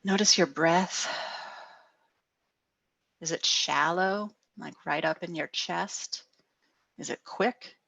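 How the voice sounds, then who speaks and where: A middle-aged woman counselor giving a gentle guided wellness talk over a video call, often asking "right?". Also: on the low side, slow pace, vocal fry, long pauses, dry recording. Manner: gentle, frequent "right?" tags.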